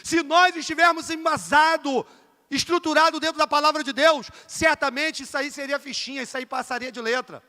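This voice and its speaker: A man with a Rio de Janeiro Portuguese accent preaches a lively evangelical sermon in a high, bright, forceful voice. He is emphatic, swinging between loud bursts and quiet asides, and keeps calling the congregation dear brother. The sound carries the long reverb of a church hall. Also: brisk. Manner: addresses listeners as dear brother, asks for amens. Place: church sanctuary.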